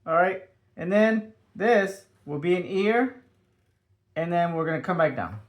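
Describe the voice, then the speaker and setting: A man's voice: high-pitched, animated, a little slow. A man leading a step-by-step drawing tutorial for children, upbeat and sing-song, dropping in playful sound effects as he draws.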